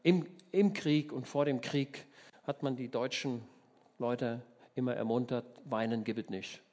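A German man preaching a sermon, telling the story in a lively way, acting out the people in it and often asking his listeners for agreement. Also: mid-range voice, measured pace. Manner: lively storytelling, acts out voices, asks the listeners questions.

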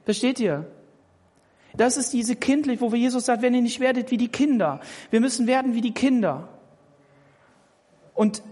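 A slightly mellow, mid-pitched voice delivers an emphatic sermon, ringing out with long reverb in a large church hall. The preacher addresses each listener personally and repeats words to press his point.

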